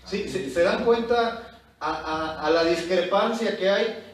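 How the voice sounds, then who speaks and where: A pastor with a somewhat high voice leads a Bible study, reading scripture aloud and breaking in with exhorting asides. He sounds distant from the microphone. His voice rings through a very echoey church hall. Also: slow.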